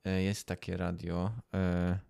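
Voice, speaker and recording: A man's voice: sits low, monotone, slow pace, creaky, dark tone, clean tone. A man co-hosting a podcast, chatting casually, explaining things and joking along. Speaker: podcast co-host. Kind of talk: casual improvised chat.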